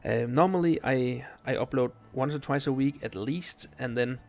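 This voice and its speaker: A young man from Denmark, speaking English as a non-native, chats casually with viewers while streaming a video game. His medium-pitched voice has vocal fry, and his relaxed delivery halts often with ums and restarts. Faint game music plays in the background.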